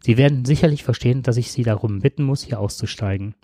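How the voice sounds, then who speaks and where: A man's voice: medium pitch, fast talker, mellow, breathy edge, no room sound, studio quality. A man voicing an overly polite, chatty self-driving car that talks in an eager, formal and apologetic way. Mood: chirpy, apologetic.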